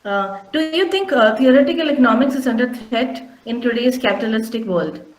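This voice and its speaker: A woman's voice: on the high side, lively intonation, fairly quick. A woman moderating a webinar Q&A in a polite, formal way over a video call. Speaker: question-and-answer moderator. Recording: echoey room.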